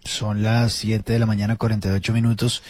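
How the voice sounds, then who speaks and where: A man's voice: lowish voice, little pitch movement, a little fast, darkish tone, no echo. A man hosting a morning radio show in an upbeat manner. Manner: upbeat, announces time.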